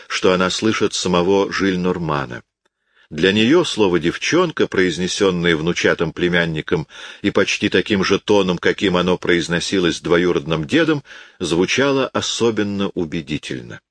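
A man narrating a classic novel as an audiobook in a measured, unhurried way. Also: low-pitched, no echo.

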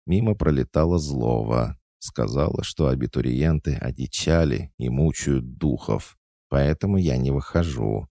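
A man voicing a sarcastic female spirit cat in an audiobook, raising his voice a little above his usual low tone. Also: measured pace, vocal fry, warm tone, no echo, studio quality, heavily acted. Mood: matter-of-fact.

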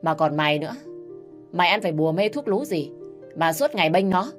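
A woman's voice: lowish voice, animated, brisk, soft background music, natural voice. A woman voicing a nagging, bitter middle-aged mother-in-law who scolds and accuses. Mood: shrill outrage.

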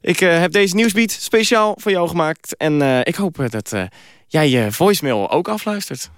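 A man's voice: on the high side, lively intonation, moderate pace, fairly bright tone. A male radio host leaving a hesitant voicemail message, stumbling over "eh" fillers. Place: radio studio.

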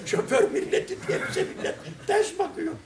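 A man's voice: very high-pitched, lively intonation, moderate pace, noisy background, voice pushed up. A man voicing a grateful taxi driver who laughs in amazement as he talks. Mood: touched. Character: grateful middle-aged male taxi driver, touched. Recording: echoey room, distant mic.

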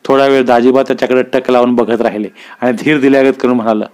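A man reading a village story aloud in a steady, expressive narration. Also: mid-range voice, fast.

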